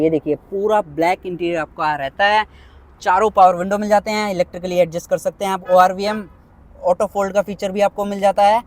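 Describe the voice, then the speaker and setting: A man walking around parked cars outdoors, listing their features one by one in a brisk review. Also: high voice. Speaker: car reviewer. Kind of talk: car walkaround review.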